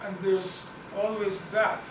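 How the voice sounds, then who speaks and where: Taking his time, this Guyanese academic speaks in a high, level voice while presenting on Caribbean languages and answering the audience. He comes across as earnest, frequently repeating himself mid-thought. A far microphone in an echoing room picks up noticeable noise.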